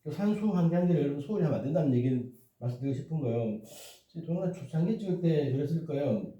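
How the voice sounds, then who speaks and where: A man's voice: fairly high pitch, animated, rapid-fire, dark tone. A man tutoring math in a casual, rambling way, often checking in with his listeners and poking fun at himself. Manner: rambling, self-deprecating, repeats "이렇게" and "그죠?". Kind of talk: casual explanatory lesson. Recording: echoey, dull, distant mic.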